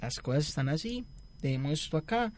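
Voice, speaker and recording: Animated young man telling a story. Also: on the high side, a little fast. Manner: rambling, animated storytelling with acted-out quotes. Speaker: guest storyteller. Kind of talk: casual chat.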